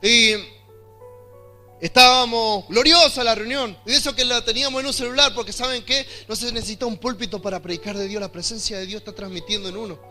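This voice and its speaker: A young man with an Argentine accent, preaching a sermon and telling a personal testimony, often building to loud, emphatic delivery. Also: very high-pitched, fairly even intonation, fairly quick, soft background music. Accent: Argentine Spanish.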